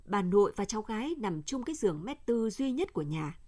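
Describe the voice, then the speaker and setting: Calm woman reading a radio story. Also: medium pitch. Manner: measured, even storytelling. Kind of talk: scripted narration of a novel.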